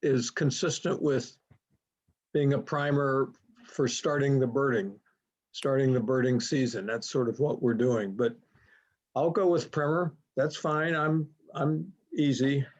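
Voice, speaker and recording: A man moderates a program over a video call, speaking at a medium pitch with fairly even intonation and no rush. He sounds easygoing and hesitant, filling the casual chat with lots of fillers. The audio has the dull, lo-fi quality of a video call.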